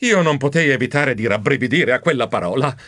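A man narrating a children's audiobook in the first person, animated and expressive. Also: medium pitch, brisk, over music.

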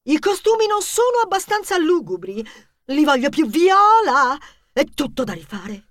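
A shrill, domineering mouse costumer. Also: female voice, big pitch swings, normal speed, a bit bright, dry recording, clean studio sound. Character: theatrical gloomy female mouse costume designer. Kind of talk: audiobook character voice.

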